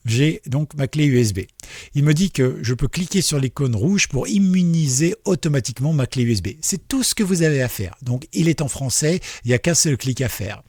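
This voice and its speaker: A tech tutorial host guides viewers through a computer lesson on a casual screen share, chatting in a relaxed way and filling his explanations with fillers and friendly asides. His mid-pitched voice is somewhat husky, and the recording sounds dry and close, with no room echo.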